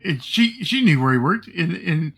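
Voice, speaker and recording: A middle-aged man streaming his game and telling a long personal story in a rambling, halting way, full of fillers and swearing. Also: a little high, big pitch swings, gravelly, husky. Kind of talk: casual storytelling while gaming.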